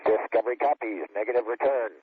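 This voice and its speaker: A man's voice: mid-range voice, fast, slightly rough, no room sound. A man giving terse callouts as a crew member over a crackly radio transmission. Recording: lo-fi radio air-to-ground link.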